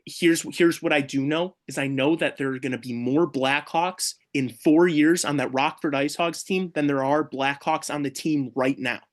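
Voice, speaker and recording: A man's voice: a little high, fairly even intonation, moderate pace, hardly any pauses. A young man co-hosting a late-night sports podcast, ranting in an exasperated, sweary, casual way. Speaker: podcast co-host.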